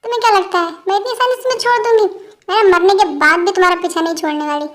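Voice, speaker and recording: A woman voicing a bubbly, bossy young female college student who talks loudly and teases playfully. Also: extremely high pitch, racing, voice pushed up. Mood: teasing. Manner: teasing, loud, playful.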